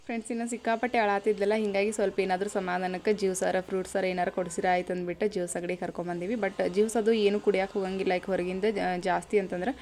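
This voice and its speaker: A woman's voice: mid-range voice, little pitch movement, rapid-fire, hardly any pauses, darkish tone, a little hiss or hum. A young woman with a North Karnataka Kannada accent, narrating a casual daily vlog to viewers and coaxing her sick child in a raised, singsong voice. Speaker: vlogger, mother of a sick child. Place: home and juice shop.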